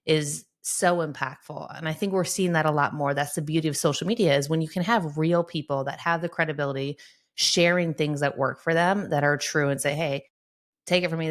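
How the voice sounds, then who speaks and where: Woman, middle-aged, deep-toned psychologist guest; earnest, motivating, conversational. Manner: earnest, encouraging, often adds "right?". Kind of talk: conversational podcast interview.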